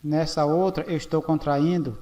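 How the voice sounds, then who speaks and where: A man from Brazil teaching English grammar at a board in a slow, explanatory way, often checking in with "ok?". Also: fairly high pitch, steady tone, dark tone.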